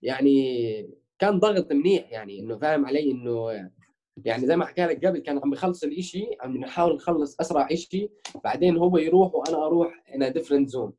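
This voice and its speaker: A man's voice: a little high, lively intonation, fast, dark tone. A young man with a Jordanian-Palestinian Levantine Arabic accent, chatting casually as an interviewed musician and mixing in English words. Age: young adult.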